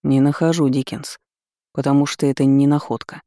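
A man voicing a curt, sarcastic dark magister in a fantasy audiobook. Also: mid-range voice, flat delivery, normal speed, no room sound, studio quality, close to an everyday voice. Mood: gruff. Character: gruff grim male dark magister.

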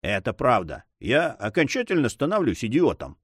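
A man voicing an excitable, easily discouraged male sailor who complains and exclaims. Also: mid-range voice, normal speed, husky, no room sound, studio quality.

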